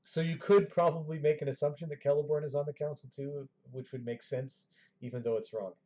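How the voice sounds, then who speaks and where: A man narrating as game master of a tabletop game, measured and hesitant, with many fillers. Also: a little high, steady tone, mellow. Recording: dull lo-fi recording.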